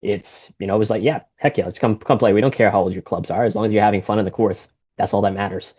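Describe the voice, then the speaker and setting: An interview guest who owns a golf shop, a man in his thirties from Singapore with an American accent, talks loosely and a little rambly, often filling pauses and restarting. His voice is lowish with a breathy edge and a quick pace, and the audio is dry and dull.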